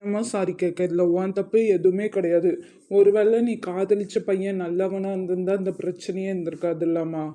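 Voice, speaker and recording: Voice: medium pitch, flat delivery, moderate pace, dark tone, natural voice. A voice actor playing a proud, loving middle-aged father in a cartoon, firm and reassuring, with a Tamil accent.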